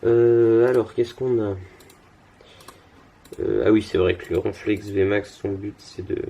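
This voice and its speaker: A man's voice: lowish voice, fairly even intonation, a little slow, creaky, dark tone. A young man casually commenting on his card game as he plays, thinking aloud with lots of fillers and restarts, tired and yawning.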